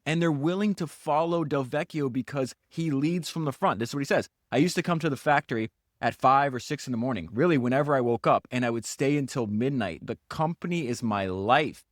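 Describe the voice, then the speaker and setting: A man hosting a podcast, retelling a biography in fast, animated bursts, acting out quotes, with stammered restarts. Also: medium pitch, no room sound, studio quality. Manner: animated, acts out quotes in character. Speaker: podcast host.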